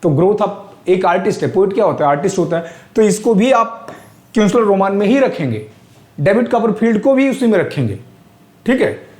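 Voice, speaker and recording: A man's voice: high-pitched, very animated, moderate pace, a little mellow, roomy sound. A male teacher with an Indian accent giving an exam-prep lecture. He explains step by step, asks questions aloud and works English terms into his talk.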